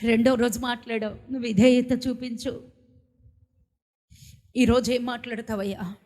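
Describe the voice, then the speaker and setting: Woman pastor, Telugu accent, high voice, impassioned pleading sermon, recorded in an echoing hall. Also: fairly even intonation, normal speed. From India. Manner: impassioned, pleading, with sudden loud outbursts. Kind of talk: emotional sermon. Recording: long hall reverb.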